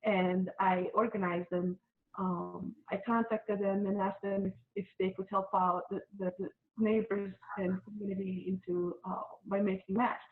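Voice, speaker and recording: Middle-aged woman from Bosnia and Herzegovina, guest on a call, halting speech with lots of fillers, tinny line. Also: medium pitch, level tone. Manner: hesitant, many fillers and restarts. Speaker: interview guest, volunteer mask maker. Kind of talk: casual interview.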